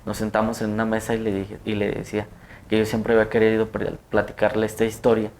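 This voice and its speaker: A young man with a Mexican Spanish accent telling his story as an interview guest, halting and hesitant with many fillers. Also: fairly low pitch, monotone, darkish tone, a little hiss or hum. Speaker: interview guest, attack survivor. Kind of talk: emotional personal testimony.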